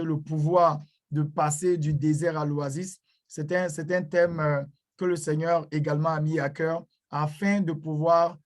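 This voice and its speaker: Male preacher for an online conference; level, monotone delivery, a touch high, hesitant and repetitive. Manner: frequent hesitations and fillers; repeats blessings and greetings. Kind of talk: online church conference talk.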